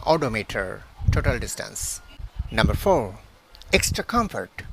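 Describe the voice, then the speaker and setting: A man, a pharmacist promoting a product on his channel and reading out its specs haltingly, recorded outdoors on a phone held at arm's length. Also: mid-range voice, background noise. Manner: halting, many hesitations, reads list items one by one. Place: outdoors beside plants.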